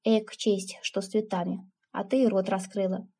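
Woman reading a blunt older village aunt, scolding, folksy, mellow husky voice, audiobook. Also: medium pitch, level tone, moderate pace.

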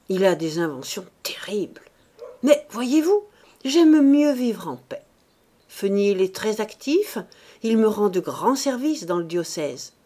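A woman's voice: medium pitch, mellow, close to an everyday voice. A woman voicing a timid, fretful old male bishop who talks in a plaintive, raised voice with anxious outbursts.

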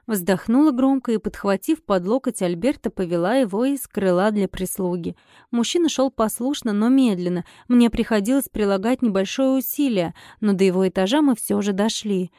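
A woman narrating a first-person audiobook expressively, her dialogue flaring into sharp irritation. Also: mid-range voice, moderate pace, no echo, clean studio sound.

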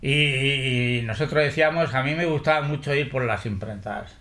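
An older man from Spain, interviewed about his past, telling lively stories full of salty slang and quoting others as he goes. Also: medium pitch, normal speed. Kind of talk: oral history interview.

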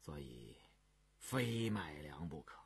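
A man voicing a stern, reserved imperial prince who speaks in a low, measured, weighty way, with a husky voice. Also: big pitch swings, heavily acted. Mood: grave.

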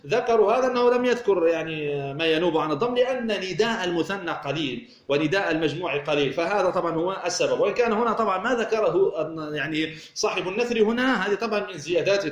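Fast, high-voiced man teaching grammar. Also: roomy sound, lo-fi sound. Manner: explanatory, asks himself questions and answers them, many restarts. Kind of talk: recorded grammar lesson.

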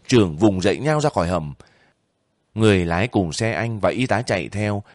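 Male audiobook narrator, lower voice, measured pace, dry recording. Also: no room sound. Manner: steady, measured storytelling. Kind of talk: scripted narration of a war novel.

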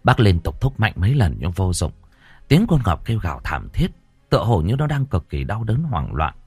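Guy narrating a spooky audiobook, low voice going all over the place, faint music behind. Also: big pitch swings, moderate pace, a little mellow, breathy edge, dry recording. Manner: dramatic, swinging intonation. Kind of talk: audiobook horror story narration.

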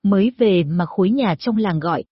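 A woman voicing a nosy, chatty older village woman who pries into her neighbor's business, in a shrill, gossipy manner, for an audio story. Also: lively intonation, normal speed, slightly rough, no room sound. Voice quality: shrill, prying. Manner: gossipy, scolding, probing. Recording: dull lo-fi recording.

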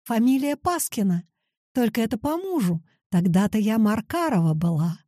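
A woman voicing a lively, proud old grandmother who tells stories with playful boasting. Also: fairly high pitch, moderate pace, no room sound, clean studio sound.

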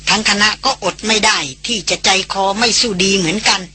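A woman reading a novel aloud as an audiobook narrator in steady scripted narration. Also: medium pitch, brisk, slightly rough.

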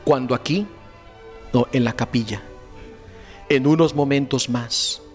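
A man's voice: mid-range voice, unhurried. A man preaching a fervent retreat sermon with rising, emphatic exclamations. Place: retreat hall. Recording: echoey hall with faint music.

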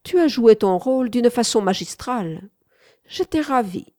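A woman voicing a haughty, commanding young woman in an audiobook, imperious and teasing, with sharp commands. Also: on the high side, lively intonation, measured pace, dry recording, clean studio sound, pitched above the performer's own voice. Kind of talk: audiobook reading.

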